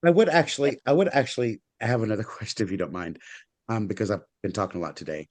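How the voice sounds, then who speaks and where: A man's voice: on the low side, fast talker. A man co-hosting a podcast interview, asking a long question with hesitant, circling phrasing. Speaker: podcast co-host.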